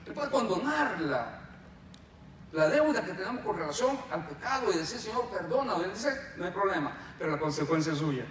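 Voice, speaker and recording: Male pastor, preaching a sermon, high voice, captured from afar in a very echoey hall. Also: very animated, moderate pace, fairly bright tone. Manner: preaching with rhetorical questions and acted quotes. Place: church hall. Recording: very echoey hall, distant mic, faint hiss.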